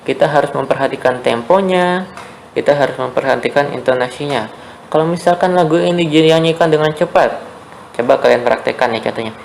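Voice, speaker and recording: Seorang guru pria memberi pelajaran musik daring untuk murid sekolah, dengan sabar mengulang poin penting dan sering bertanya "ya" atau "oke". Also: male voice, fairly high pitch, brisk, creaky, slight background noise, low-quality recording. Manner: patient, repeats key points, checks in with "ya" and "oke". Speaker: teacher. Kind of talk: online music lesson for schoolchildren.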